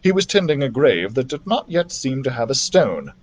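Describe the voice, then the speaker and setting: A man with a mid-range voice performs a children's adventure novel for story time, reading at an ordinary pace. His delivery is lively and theatrical.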